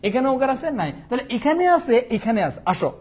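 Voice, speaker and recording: A young man from Bangladesh teaching a quick exam revision lesson, asking questions and answering them himself. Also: extremely high pitch, sing-song, a little mellow, breathy edge.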